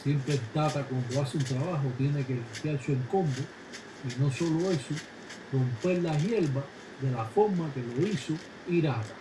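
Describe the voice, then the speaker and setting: A man's voice: fairly high pitch, normal speed. Man explaining rituals in an echoey room. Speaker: religious practitioner explaining rituals. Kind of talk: explanatory narration. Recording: echoey room with background noise.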